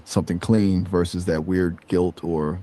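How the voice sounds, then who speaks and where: Brief: male AI chat voice, low-ish, chill and slangy, easygoing upbeat delivery. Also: little pitch movement, a little slow, dark tone. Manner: laid-back, slangy, upbeat. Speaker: AI conversation guest. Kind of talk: casual chat.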